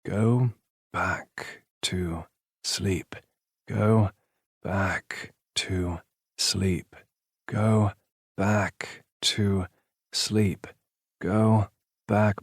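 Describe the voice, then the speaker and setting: A man's voice: medium pitch, lively intonation, a little slow, hardly any pauses, dry recording, clean studio sound, pitched above the performer's own voice, close to an everyday voice. A man doing a groggy hungover young man. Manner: mumbling, weary.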